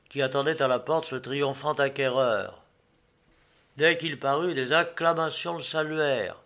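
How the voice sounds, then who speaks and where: A man narrating a classic novel as an audiobook, in a measured, expressive storytelling manner. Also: on the high side.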